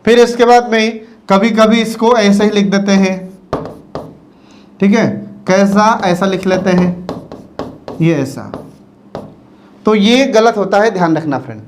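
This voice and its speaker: A man teaching a spelling lesson. He says each word slowly and more than once, and keeps checking that the students follow. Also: high voice, a little hiss or hum. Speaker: Hindi teacher. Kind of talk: classroom lecture on word spelling.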